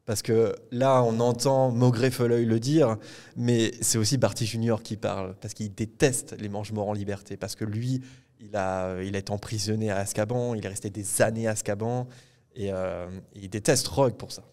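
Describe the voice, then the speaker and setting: A man's voice: lowish voice, fairly even intonation, moderate pace, darkish tone. A man hosting a podcast recorded live at a public event, retelling a book chapter at length with frequent hesitations. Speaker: podcast host. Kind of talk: casual book discussion before a live audience.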